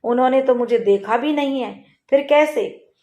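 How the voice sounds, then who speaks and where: A woman's voice: high-pitched, normal speed, dark tone, voice pushed up, natural voice. A woman voicing a timid young village girl in a folk tale, asking pleading questions in a raised voice, in an echoey room. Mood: bewildered.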